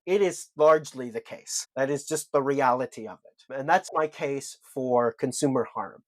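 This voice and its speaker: Co-hosting a podcast, a man argues with emphasis, stacking his points into lists one after another. He speaks at normal speed in a medium pitch, with no room sound.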